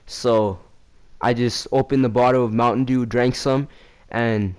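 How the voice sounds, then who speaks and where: A young man in a casual vlog telling a story in slangy, profane, rambling talk. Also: smooth. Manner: acts out quoted lines in a louder, higher voice. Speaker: vlogger.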